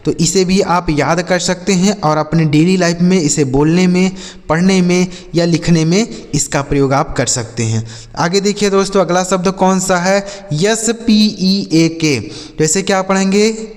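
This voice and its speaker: A man teaching English vocabulary, spelling each word letter by letter and repeating example sentences slowly. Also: high voice. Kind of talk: slow spelling and vocabulary lesson. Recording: long hall reverb.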